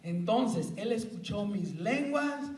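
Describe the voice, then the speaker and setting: A man's voice: sits high, takes it slowly. A man preaching at a church retreat, acting out little scenes and often checking in with his listeners. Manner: animated, acts out scenes, keeps asking the audience "¿verdad?". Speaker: retreat speaker. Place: church hall. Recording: roomy echo, speaker far from the mic.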